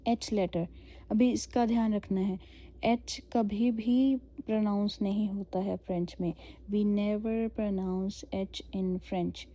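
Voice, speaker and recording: A woman's voice: medium pitch, steady tone, slow pace, mellow. A woman teaching a beginner language lesson online. She explains patiently, spells words out letter by letter, and checks in with "okay?" between points. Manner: explains patiently, mixing Hindi and English, frequent "okay?". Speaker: French teacher.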